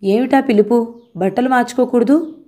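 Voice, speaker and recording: Woman doing a young wife, soft and chatty, a bit peevish, mellow storybook voice. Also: a little high, moderate pace, lightly acted. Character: young wife, modern-minded, wary of her mother-in-law.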